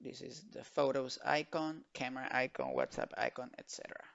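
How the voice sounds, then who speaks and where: Gravelly male teacher, slow patient drills. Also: medium pitch, big pitch swings, fairly bright tone, highs cut off. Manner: slow, drilled repetition of words. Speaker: English teacher. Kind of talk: bilingual online vocabulary lesson.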